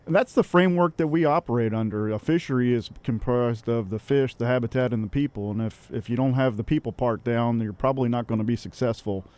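Male radio guest; soft-edged mellow voice, articulate, upbeat, conversational. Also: mid-range voice, fairly quick, few pauses. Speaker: fisheries agency guest. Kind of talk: casual radio interview talk.

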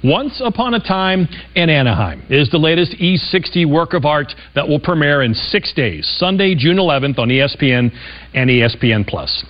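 Sports show host guy, lively intonation, reading his intro, bit of a dull broadcast sound. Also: a little high, moderate pace. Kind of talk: scripted TV sports presenting.

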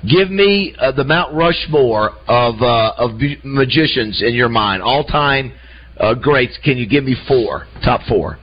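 A man hosts a morning radio show, chatty and upbeat as he questions a guest and plugs an event. His voice sits at a middle pitch. The broadcast sound is a little muffled. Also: expressive, a little slow. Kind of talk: radio interview hosting.

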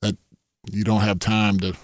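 A man's voice: fairly low pitch, flat delivery, moderate pace, no room sound, studio quality. A middle-aged man telling golf stories in casual chat, rambling with many restarts, laughing often and acting out what others said.

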